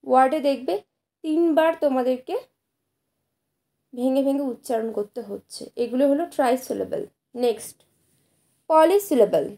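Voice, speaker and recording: A woman, teaching a lesson to students in a patient, explanatory way and sounding out example words slowly. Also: sits high, warm tone. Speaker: English teacher.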